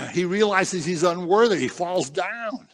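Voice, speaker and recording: A man preaching a sermon in a conversational, animated way, acting out the voices of the people he quotes. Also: high voice, slow. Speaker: pastor.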